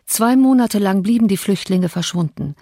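A woman narrating a classic novel as an audiobook, in measured, even storytelling. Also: medium pitch, no room sound, clean studio sound. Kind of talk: scripted literary narration.

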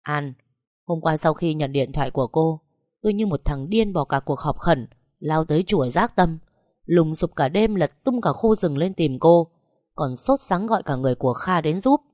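A woman's voice: low-pitched, lively intonation, moderate pace, a little mellow, no echo, studio quality. A woman voicing a cold, harsh young husband who speaks in curt threats. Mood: bitter.

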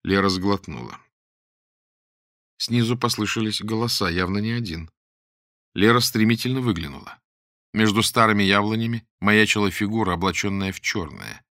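A man reading an audiobook aloud in an expressive storytelling manner. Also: on the low side, moderate pace, no room sound, studio quality. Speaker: audiobook narrator. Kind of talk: scripted narration.

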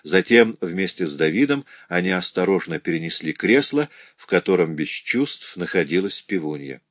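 A man narrating a classic novel as an audiobook, in a steady, measured reading. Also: sits low, no room sound.

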